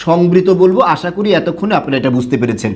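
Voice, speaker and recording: A man's voice: fairly high pitch, lively intonation, fast, a little mellow. A man teaching pronunciation in an online lesson, asking questions and answering them himself, drawing out words to show each sound. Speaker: Bengali grammar teacher.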